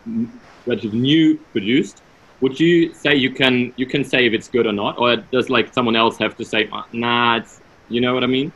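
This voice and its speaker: A man interviewing a guest over a video call, a German native speaker asking halting questions full of fillers. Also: mid-range voice, steady tone, fairly bright tone, highs cut off. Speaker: radio interviewer.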